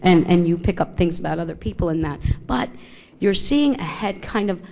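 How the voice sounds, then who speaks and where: Woman psychic reading halting on stage. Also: on the low side, lively intonation, gravelly, a little mellow. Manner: halting, thinking aloud with many restarts. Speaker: psychic medium. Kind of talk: live audience reading. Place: small theater with audience. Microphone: handheld microphone.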